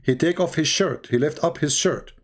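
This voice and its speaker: A man with an Arabic accent hosts a heated live call-in debate, bluntly repeating his questions and pushing the caller. His voice is a little high and he talks at a moderate pace.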